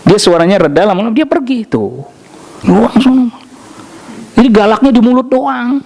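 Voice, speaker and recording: Lively, animated preacher man. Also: very high voice, moderate pace, slight background noise. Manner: lively storytelling with jokes and acted quotes; answers audience questions directly. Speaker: Islamic preacher. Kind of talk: mosque study lecture. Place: mosque.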